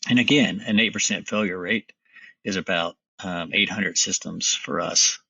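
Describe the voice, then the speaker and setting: A man's voice: low voice, moderate pace, vocal fry, bright, forceful tone, husky, dry recording, far from the mic, lo-fi sound. A middle-aged man, a company founder, talking confidently and emphatically as a guest in a business interview.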